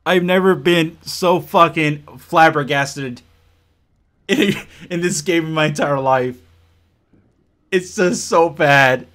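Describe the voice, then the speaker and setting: A man with a high, bright voice delivers live gameplay commentary as an exasperated, profane rant. He swings between outbursts of shouting and low, muttered grumbling, taking his time between lines. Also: takes it slowly. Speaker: gaming channel host.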